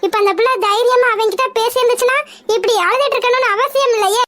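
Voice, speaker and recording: A woman voicing a bold, protective middle-aged aunt in a cartoon, with a very high squeaky voice and a brisk, commanding, scolding manner. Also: fairly bright tone. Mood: stern. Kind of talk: cartoon voice acting.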